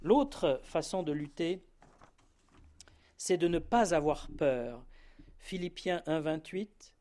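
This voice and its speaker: A man's voice: fairly high pitch, lively intonation, slow, warm tone. A man preaching an evening sermon, emphatic and rising on key words, often adding a tag word at the end of a phrase.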